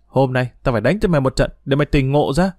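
A man's voice: mid-range voice, fast talker, a little mellow, no echo, close to an everyday voice. A man voicing a tough, hot-tempered teenage schoolboy who scolds bluntly, recorded dry. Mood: rough.

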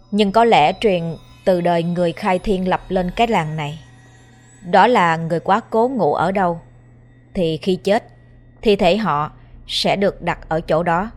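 A woman narrating a scripted ghost story in a steady, measured way. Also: lowish voice.

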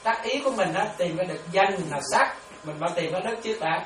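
Woman, Buddhist nun giving a meditation talk, very animated pitch, distant echoey noisy room recording. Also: fairly quick. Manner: lively, laughs often, keeps checking understanding with questions. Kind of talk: dharma talk to students.

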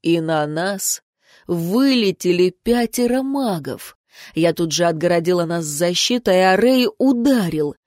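A woman's voice: fairly low pitch, lively intonation, measured pace, a little mellow, no echo, clean studio sound. A woman narrating an audiobook in the first person, reading expressively.

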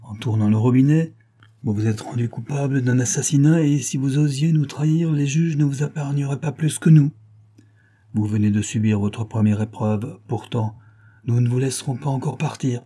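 A man's voice: mid-range voice, fairly even intonation, normal speed, mellow, pitched above the performer's own voice, natural voice. A man reading an audiobook, voicing the cold adult male leader of a secret gang, who talks in a solemn, commanding and menacing way.

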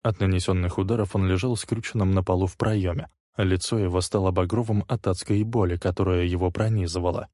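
A man with a fairly low voice narrating a crime audiobook in a steady, even way. The sound is close and dry, with no room around it. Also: fairly quick, hardly any pauses, no room sound.

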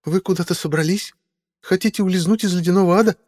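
A man reading a storybook voices a young woman, nervous and suspicious, with high questioning speech. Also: fast, darkish tone, big-room sound, lightly acted.

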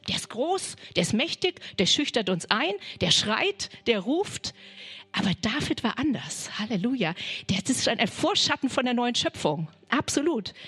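Husky woman preaching fervently. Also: a little high, a bit bright. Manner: fervent, frequent hallelujahs, some whispered words. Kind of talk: charismatic sermon.

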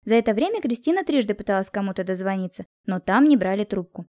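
A woman narrating a first-person detective novel in a steady storytelling manner. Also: mid-range voice, quick pace. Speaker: audiobook narrator.

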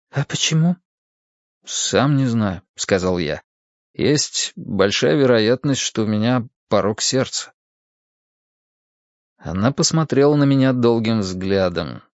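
A man narrating an audiobook in a measured, unhurried first-person reading. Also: fairly low pitch, dry recording. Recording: dry, slightly dull.

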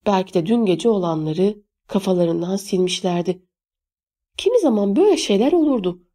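A woman reads a first-person novel aloud in a measured, steady voice. Her tone is mellow and warm, with a rounded, unhurried storytelling delivery. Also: medium pitch. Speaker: audiobook narrator.

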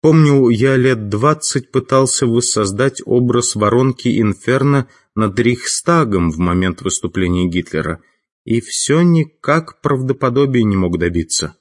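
A man voicing an unflappable veteran male mage who talks unhurried and matter-of-fact, in an audiobook. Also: medium pitch, expressive, pitched above the performer's own voice. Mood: curious.

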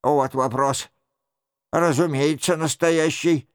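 A man's voice: fairly high pitch, fairly even intonation, slow, clear, resonant tone, no echo, studio quality. A man reading the part of a frightened monk giving nervous, evasive answers under threat. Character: frightened sober-struck male monk, pleading. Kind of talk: audiobook character reading.

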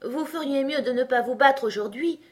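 A woman's voice: sits high, normal speed, pitched above the performer's own voice, lightly acted. A woman voicing Alice, a curious and polite little girl, in a storybook reading, speaking in a raised, eager voice. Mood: wondering.

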